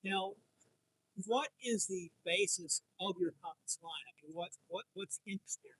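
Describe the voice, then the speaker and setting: A man's voice: high-pitched, normal speed, a bit bright, slightly rough, dry recording, rough recording. A man interviewing a comics publisher, asking long, rambling questions with many restarts. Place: comic convention floor.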